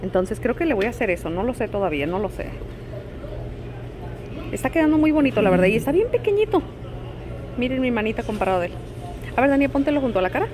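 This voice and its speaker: Long pauses break up the quick, fairly high-pitched speech of a middle-aged, Mexican Spanish-accented woman vlogging. Playful and teasing, she chats casually with her viewers against steady background noise.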